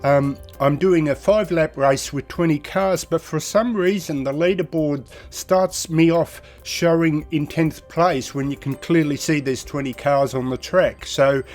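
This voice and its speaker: Man, nasal, head cold, slightly high voice, chatty channel host, faint music behind. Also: a little slow, hardly any pauses, darkish tone. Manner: chatty, rambling, enthusiastic. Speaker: sim racing channel host. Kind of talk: casual video commentary.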